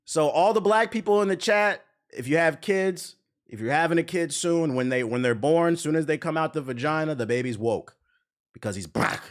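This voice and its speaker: A young male streamer jokes loosely during a livestream, mixing reaction commentary with asides muttered under his breath. His voice is fairly high and his speed normal, with faint music playing in the background.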